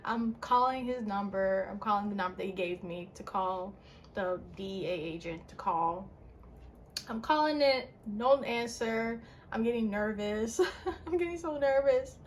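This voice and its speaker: A young woman casually telling a personal story on her channel, her voice jumping up in pitch and full of "like" fillers. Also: measured pace, a little hiss or hum. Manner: animated, with big pitch jumps and frequent "like" fillers. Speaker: vlogger.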